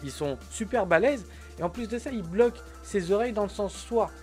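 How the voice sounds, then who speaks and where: A man's voice: high-pitched, brisk, darkish tone, faint music behind. A man casually reviewing an anime episode in slangy talk, speaking straight to the viewer.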